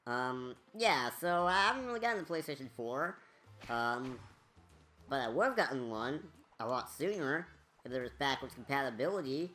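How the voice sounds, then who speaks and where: A woman's voice: rumbling low, lively intonation, moderate pace, a bit bright, soft background music. A woman giving casual, rambling commentary over a game walkthrough, chatty with many fillers.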